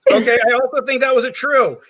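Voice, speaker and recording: A man hosting a comedy game show over a video call, upbeat and quick to move things along. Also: very high-pitched, steady tone, fairly bright tone.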